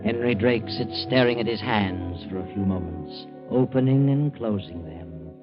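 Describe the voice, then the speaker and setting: A grave, low-voiced narrator telling a dark tale in a measured, ominous way. The sound is muffled old AM radio. Music plays under him. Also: male voice. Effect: old AM radio broadcast sound. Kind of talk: 1940s radio drama narration.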